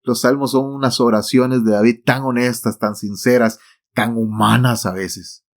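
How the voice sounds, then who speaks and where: A man's voice: mid-range voice, steady tone, measured pace. Emphatic man giving a devotional talk. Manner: emphatic, repeats key phrases; speaks directly to the listener.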